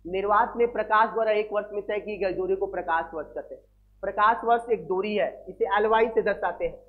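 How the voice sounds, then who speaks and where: High-voiced man lecturing on physics. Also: a little fast. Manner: addresses students as beta, repeats key values and asks quiz questions. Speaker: physics teacher. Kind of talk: classroom lecture. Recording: tinny phone-like sound.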